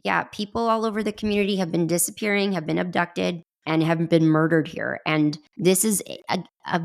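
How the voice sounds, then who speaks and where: A woman's voice: lowish voice, fairly even intonation, fairly quick, creaky. A woman co-hosting a podcast, retelling a film scene in casual chat, so moved that she nearly cries. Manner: emotional retelling, voice catching near tears. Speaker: podcast co-host.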